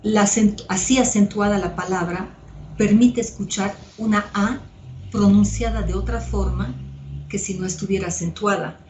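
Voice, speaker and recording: A woman psychoanalyst giving a measured, step-by-step lecture with occasional fillers. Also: mid-range voice, steady tone, darkish tone, slight background noise. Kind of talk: slow didactic lecture. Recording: echoey room.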